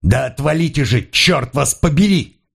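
A man voicing a panicked young male police officer who shouts frantic orders in an audiobook. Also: medium pitch, lively intonation, normal speed, vocal fry, breathy edge, pitched above the performer's own voice.

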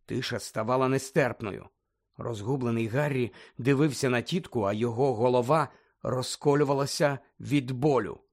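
Expressive male audiobook narrator. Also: mid-range voice, normal speed. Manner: dramatic, expressive reading. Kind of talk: scripted narration.

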